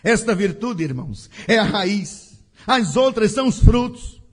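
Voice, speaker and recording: A man preaching a sermon in a slow, emphatic style with a sing-song cadence. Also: sits high, lively intonation.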